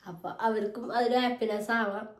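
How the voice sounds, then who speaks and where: Hoarse woman vlogger, chatty, roomy echo. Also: on the high side, fairly even intonation, a little fast. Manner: chatty, rambling, asks for agreement. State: hoarse, losing her voice. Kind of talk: casual home vlog chat. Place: family home, indoors. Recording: roomy echoey indoor sound.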